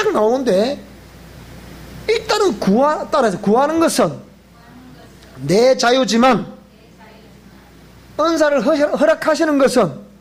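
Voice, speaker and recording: A male pastor with a Gyeongsang Korean accent, telling stories in a sermon at church, acting out dialogue and laughing often. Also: extremely high pitch. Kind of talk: storytelling sermon. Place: church sanctuary.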